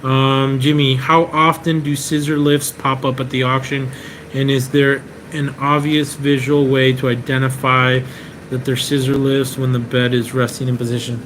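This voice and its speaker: A Venezuelan man who imports cars hosts a live Q&A stream from a rented apartment, chatting in a relaxed way and reading viewer comments with lots of "um"s and restarts. His voice is mid-range at a normal speed, and the rough recording has clear room noise and AC hum.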